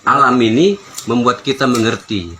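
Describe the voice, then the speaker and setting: Older male spiritual teacher, mid-pitched, instructing in emphatic maxims over light ambient noise. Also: normal speed, pushed and bright. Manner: emphatic, aphoristic, didactic delivery. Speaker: spiritual teacher answering questions. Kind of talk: informal religious discourse. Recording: noisy ambient background.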